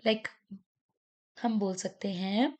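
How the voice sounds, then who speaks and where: A woman's voice: medium pitch, drawn-out words, a little mellow, lo-fi sound. A woman English tutor with an Indian English accent, patiently teaching children and spelling out words letter by letter. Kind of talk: classroom lesson for children.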